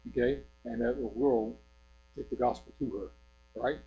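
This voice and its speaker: A man's voice: medium pitch, steady tone, normal speed, dull audio, a little hiss or hum. An older man preaching an informal sermon in a church, rambling in a conversational way and often checking in with his listeners.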